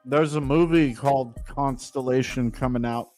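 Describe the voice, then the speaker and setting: A man's voice: mid-range voice, fairly even intonation, normal speed, a little mellow, faint music behind. A man in a casual crypto chat, laid-back and joking.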